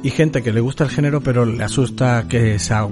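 A man's voice: medium pitch, brisk. A man with a Spain accent hosting a casual radio chat, talking chattily and repeating himself for emphasis. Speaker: radio host. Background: music behind the voice.

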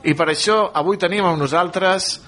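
High-voiced male radio host, brisk. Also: fairly bright tone. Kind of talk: radio magazine interview.

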